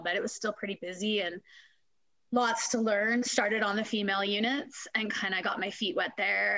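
A woman's voice: mid-range voice, bright, forceful tone, no echo. A woman in her forties from Canada, a guest telling stories in a casual interview, chatty and laughing often. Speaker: guest, fitness testing company and former corrections supervisor.

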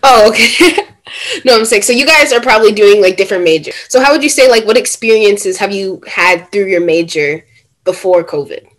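A teenage girl hosts a relaxed panel over a video call. She talks in a chatty, upbeat way and fills her questions with "like". Her voice sits at an ordinary middle pitch. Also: moderate pace. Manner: chatty, upbeat, uses fillers like "like". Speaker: host.

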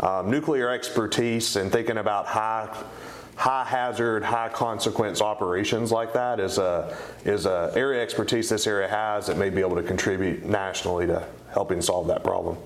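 Echoey, low-voiced man with an East Tennessee accent. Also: fairly even intonation, normal speed. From East Tennessee, United States. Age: middle-aged. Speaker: interview guest, company co-founder. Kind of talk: conversational interview answers. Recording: roomy, echoing sound.

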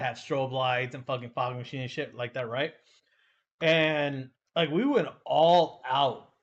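A man's voice: mid-range voice, dull audio. A man in casual chat, telling a rambling story with plenty of swearing. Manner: loose, rambling, heavy swearing. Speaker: co-host.

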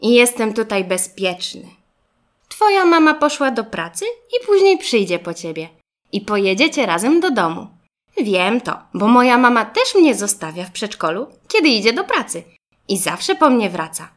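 A woman's voice: a little high, sing-song, moderate pace. A woman voicing a friendly, reassuring little boy car in a children's storybook, eager and upbeat. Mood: cheerful. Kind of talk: storybook reading.

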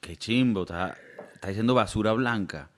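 A man's voice: on the low side, normal speed. A man hosting a podcast, teasing his co-host in casual chat. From Latin America. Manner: teasing, acts out mocking voices.

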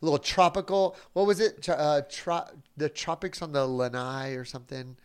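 A man co-hosting a casual podcast chat, animated and laughing often. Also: on the high side, moderate pace, smooth. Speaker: podcast co-host.

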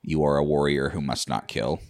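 Low-voiced man as eager rules-explaining game master, dry close sound. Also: fairly even intonation, moderate pace, a little mellow, no echo. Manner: enthusiastic, explanatory, with restarts.

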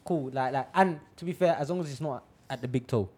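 A man's voice: medium pitch, fairly quick, mellow. A young man with a London roadman accent bantering casually in slang and repeating his phrases. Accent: London roadman, Multicultural London English.

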